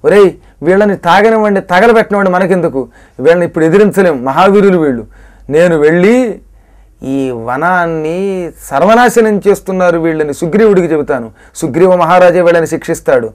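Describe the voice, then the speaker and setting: A man's voice: sits high, lively intonation, a little fast. A man giving a religious discourse voices an indignant old male monkey who guards a royal garden and scolds the drunken troop. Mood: grumbling. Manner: indignant, scolding then grumbling. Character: angry old monkey garden-keeper, uncle of the king.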